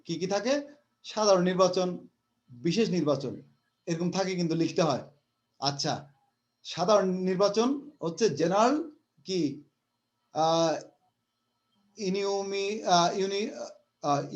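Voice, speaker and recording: High-voiced man teaching geometry online. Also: a little mellow. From Bangladesh. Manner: explains step by step, repeats key terms, mixes in English words. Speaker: math teacher. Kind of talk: live online class lecture. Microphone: video call.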